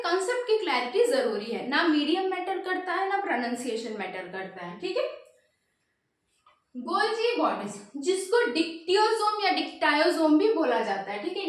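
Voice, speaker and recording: A woman's voice: extremely high pitch, fairly bright tone. A woman teaching biology for exam prep, asking questions and answering them herself. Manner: repeats "ठीक है" often. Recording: very echoey room.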